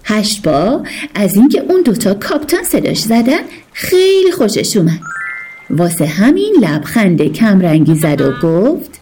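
A woman narrating a children's story in an expressive, lively storytelling way. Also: mid-range voice, faint music behind.

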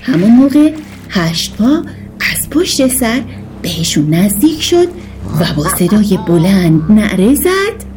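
A woman narrating a children's story in an expressive, lively storytelling way. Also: mid-range voice, faint music behind.

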